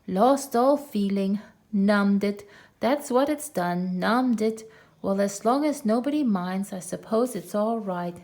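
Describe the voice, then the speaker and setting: A woman's voice: mid-range voice, animated, darkish tone. A woman doing a gloomy, grumbling old donkey. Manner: slow, grumbling, sorrowful. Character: gloomy old male donkey, self-pitying.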